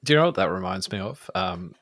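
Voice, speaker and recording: Deep voiced aussie podcast guy, umms a lot, kinda earnest, dry close mic. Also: expressive, fast talker, a bit bright, dry recording. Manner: hesitant, many fillers, careful and earnest. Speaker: podcast co-host. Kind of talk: casual chat.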